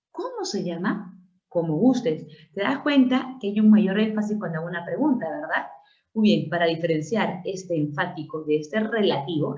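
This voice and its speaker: A woman's voice: fairly low pitch, roomy sound, muffled recording. A woman teaching a grammar lesson for exam prep, working through questions aloud, stretching out example words and asking rhetorical questions. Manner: explanatory, repeats and stresses example words, asks rhetorical questions. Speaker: language teacher.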